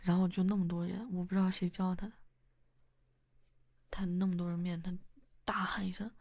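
A woman's voice: fairly low pitch, flat delivery, brisk, no room sound. A young woman acting as a wife and mother in a whispered role-play, talking intimately and teasingly to her husband. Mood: storytelling. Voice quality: soft whispery delivery. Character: young wife, playful, easily flustered.

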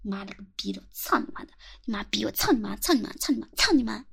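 A woman's voice: medium pitch, lively intonation, quick pace, gravelly, a bit bright, slightly rough. A woman in whispered role-play, giving domineering, insulting commands close to the mic and counting out a rhythm. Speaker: ASMR performer. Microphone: close mic at the ear.

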